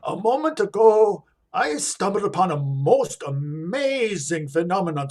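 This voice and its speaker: An actor playing a shrewd vampire-hunting professor in a radio play, with a measured, probing, emphatic manner. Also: male voice, high-pitched, a bit bright, heavily acted. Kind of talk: theatrical radio play acting.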